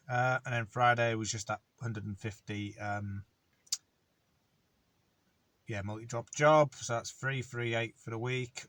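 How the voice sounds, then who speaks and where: A man's voice: fairly low pitch, fairly bright tone. A man, a van courier, chatting casually to camera in a rambling way with lots of ums. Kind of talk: casual vlog talk to camera.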